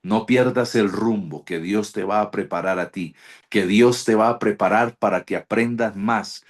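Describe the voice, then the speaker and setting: A man's voice: fairly low pitch, moderate pace. A Colombian man, a pastor with a Colombian Spanish accent, preaching a devotional sermon and praying with fervent, repetitive prophetic declarations. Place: online devotional broadcast.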